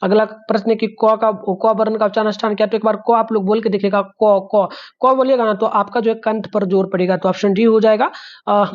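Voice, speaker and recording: Male tutor talking students through a test, sounding letters aloud, muffled recording. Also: high-pitched. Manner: drawn-out repeated sounds, frequent fillers, addresses the children. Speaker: teacher. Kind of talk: exam answer walkthrough.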